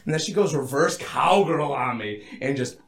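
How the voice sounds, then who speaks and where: A man's voice: a little high, lively intonation, moderate pace, noisy background. A young man telling a crude story to friends, rowdy and boastful, swearing often and laughing as he talks. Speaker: podcast co-host telling a story. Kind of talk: crude casual banter among friends.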